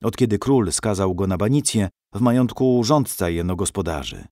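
A man voicing a stern, dignified noble father who speaks in a firm, deliberate way. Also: on the low side, big pitch swings, dark tone, dry recording, clean studio sound.

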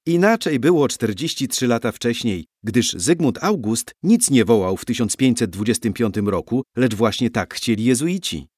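A man narrating a story for young listeners in an expressive way, acting out the characters. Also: medium pitch, moderate pace, few pauses, husky, dry recording, clean studio sound.

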